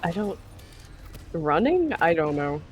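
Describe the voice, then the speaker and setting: A man's voice: fairly high pitch, very animated, slow pace, slight background noise. A man chatting casually as a co-commentator on a video game stream. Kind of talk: casual chat.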